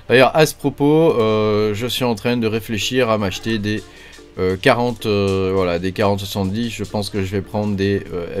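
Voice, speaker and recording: Hesitant man, casual news chat. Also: lowish voice. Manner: hesitant, many fillers like "euh" and "hein". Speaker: crypto mining channel host. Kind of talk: casual spoken news roundup.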